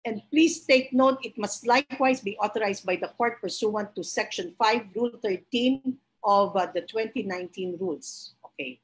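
A woman's voice: mid-range voice, normal speed, low-quality recording. A middle-aged woman with a Filipino accent, a law dean giving a lecture, switching between English and Tagalog, reading rules aloud and explaining them with a frequent "okay?". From Philippines. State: a little out of breath.

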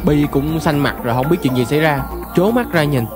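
A man's voice: fairly high pitch, fairly quick. A man narrating a game drama in a chatty, comic first-person way. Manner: chatty, comic, exaggerated asides. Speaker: narrator and main character. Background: music.

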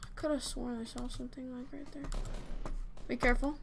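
A young woman streaming a game, making quick, excitable callouts to her teammates. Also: high voice, vocal fry. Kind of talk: casual gaming chat with teammates. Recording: steady background noise.

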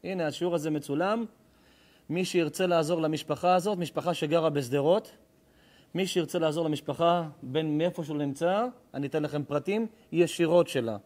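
A middle-aged man, a rabbi, preaching a sermon. He swings from loud, emphatic declaiming to hushed, intense storytelling. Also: fairly high pitch.

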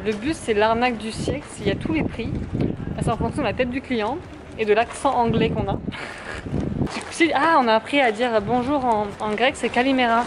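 A woman's voice: on the high side, brisk. Chatty young woman vlogging on the go. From France. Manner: chatty, jokey, laughs often, swears casually. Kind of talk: casual travel vlog chat. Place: streets and a supermarket, indoors and outdoors. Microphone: handheld camera held low at arm's length. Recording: noisy street and shop background.

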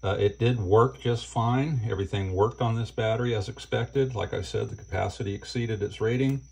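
An older man talks through a hands-on gear review at his indoor workbench. His voice sits low and a little husky, and he speaks in a relaxed, plain way with fillers. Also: normal speed. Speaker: channel host reviewing batteries. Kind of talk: casual hands-on product review.

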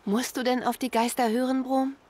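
A woman voicing a calm, persuasive young female hunter in a video game dub, speaking steadily and reassuringly. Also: high-pitched, normal speed.

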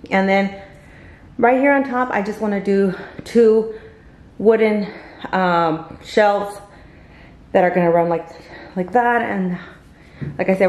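A woman's voice: mid-range voice, darkish tone, poor audio. A woman talking casually to her camera in a home vlog. She rambles, restarts sentences and searches for words as she goes. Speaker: vlogger. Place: at home, then in a car.

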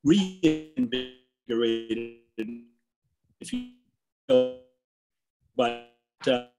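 A man speaking over a video call from home, his audio breaking up and dropping out as he talks in a halting way with many fillers and restarts. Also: medium pitch, big pitch swings, gravelly, loud music behind the voice. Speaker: district attorney speaking to a political committee. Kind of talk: campaign update speech. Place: at home, indoors. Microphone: phone or laptop on a video call.

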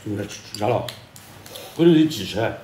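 A man's voice: lowish voice, expressive, a little fast, dark tone. A man making short, terse remarks in casual conversation over a meal. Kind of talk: casual table talk during a meal. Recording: echoey room with faint noise and clattering dishes.

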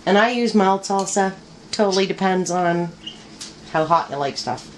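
In this home video, a middle-aged home cook demonstrates a recipe casually, joking, chatting and filling gaps with ums as she rambles. She speaks at medium pitch and normal speed. Background noise from clattering pans and cutlery reaches the nearby handheld camera mic.

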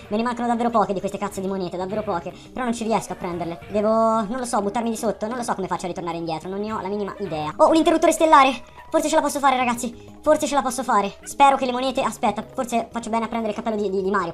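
A man whose voice is sped up into a chipmunk-like alter ego, giving excitable, swear-filled gameplay commentary. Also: extremely high pitch, voice pushed up. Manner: excitable, swears a lot, talks to viewers. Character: hyper sped-up male alter ego possessing the player.

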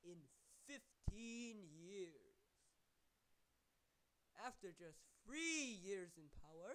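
A woman with a medium-pitched voice performs a scripted first-person historical monologue as a proud, formal elderly male statesman, delivered theatrically and declamatorily. The audio quality is poor.

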